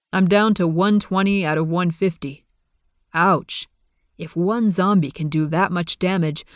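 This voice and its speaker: A man's voice: high-pitched, no room sound. Wry first-person audiobook narrator, man, dry close mic.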